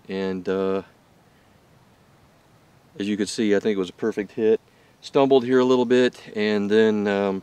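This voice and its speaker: A man in his forties with a lowish voice talks casually as the host of a hunting vlog. His delivery is halting and full of awe. The sound is a little distant, picked up by a camera mic in the field. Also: darkish tone, clean tone. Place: hunting blind and outdoor bushland.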